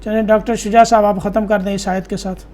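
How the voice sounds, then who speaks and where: A man teaching a tajweed lesson. He recites verses in a slow, drawn-out chant and explains the rules in brisk asides. He corrects his students directly and repeats the right reading. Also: sits high, little pitch movement, darkish tone, a little hiss or hum.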